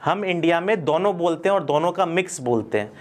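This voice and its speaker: A man's voice: fairly high pitch, lively intonation, fairly quick. A man with an Indian accent teaching a spoken English class, explaining step by step and answering his own questions. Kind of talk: classroom lesson in Hindi.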